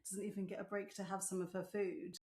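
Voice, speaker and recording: A woman's voice: mid-range voice, level tone, fairly quick, mellow. A woman with a mid-range voice co-hosts a casual chat. She talks frankly and asks plenty of questions. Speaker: podcast co-host.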